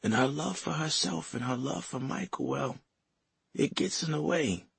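A man voicing a frail, dying grandmother who speaks softly and tenderly through pain. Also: fairly high pitch, moderate pace, no room sound, voice pushed up, heavily acted. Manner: soft, breathy, pained.

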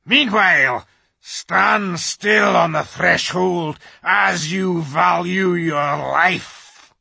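A reader voicing a menacing grey wolf who is chief of a secret police, speaking slowly and threateningly in an audiobook. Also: medium pitch, vocal fry, pushed and bright, breathy edge, no room sound, voice pushed up, heavily acted. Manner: slow, threatening. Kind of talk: audiobook character voice.

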